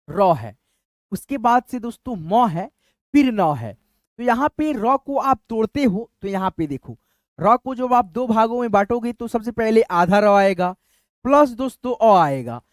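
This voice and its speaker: A man's voice: very high-pitched, dry recording. A man teaching a step-by-step lesson, repeating "friends" often as he talks the class through each point. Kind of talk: explanatory lesson.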